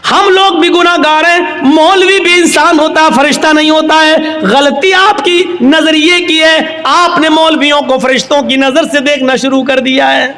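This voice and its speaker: A man's voice: very high-pitched, steady tone, moderate pace, few pauses, pushed and bright. A man preaching a sermon, impassioned and acting out the voices of the people in his story. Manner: impassioned, acts out characters' dialogue. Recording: echoey hall.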